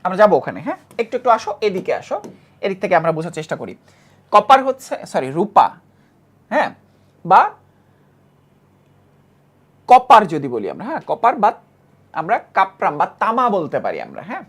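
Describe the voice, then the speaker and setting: Bangladeshi lady teacher, keeps repeating stuff and asking the class quick questions. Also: medium pitch, wildly swooping pitch, breathy edge. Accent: Bangladeshi Bengali. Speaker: chemistry teacher. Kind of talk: classroom lecture.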